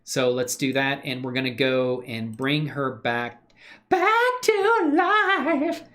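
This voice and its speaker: Working on 3D models during a live stream, this man talks casually with his viewers, rambling and poking fun at himself. He speaks slowly in a sing-song, mid-range voice with a sharp tone.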